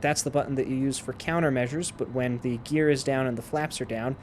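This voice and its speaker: A man with a mid-pitched voice walks through a flight sim procedure as he plays. He explains each step casually, in the way of a tutorial. Aircraft simulator noise sits faintly to clearly behind his voice. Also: steady tone, a little fast. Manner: explains step by step while playing. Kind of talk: casual instructional gameplay commentary.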